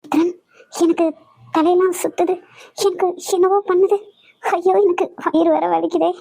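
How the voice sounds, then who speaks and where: A woman's voice: extremely high pitch, flat delivery, moderate pace, gravelly, dry recording. Woman voicing a frightened, secretive young wife. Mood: pleading. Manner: soft, pleading, evasive. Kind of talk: dramatic cartoon voice acting.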